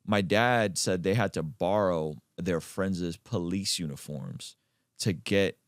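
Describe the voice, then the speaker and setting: A man from Azerbaijan hosting a podcast conversation, talking emphatically and leaping up in pitch to stress his points. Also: slow pace, no echo, clean studio sound. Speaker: podcast host.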